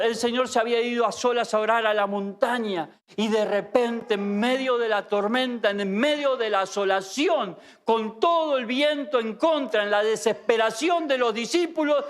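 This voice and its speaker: A man with an Argentine accent preaching an impassioned sermon in a church as pastor, full of rhetorical questions. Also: sits high. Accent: Argentine Spanish.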